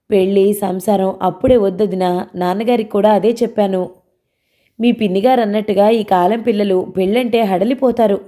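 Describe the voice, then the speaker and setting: Dark-toned woman reading an audio novel. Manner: changes pitch slightly for characters' quoted lines. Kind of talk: scripted narration of a novel with voiced dialogue.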